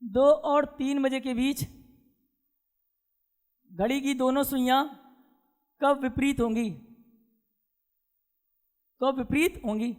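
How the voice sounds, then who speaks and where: A man's voice: extremely high pitch, steady tone, slow, long pauses, big-room sound. A male teacher giving a classroom lecture, drilling his students with repeated questions and having them chant answers back.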